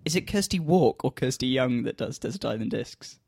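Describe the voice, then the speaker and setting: A man co-hosting a casual chat, his pitch rising and falling a lot as he talks. He comes across a little prim and laughs often. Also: expressive, fairly quick, creaky, darkish tone, slightly rough, no echo, studio quality. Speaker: co-host. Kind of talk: casual podcast banter.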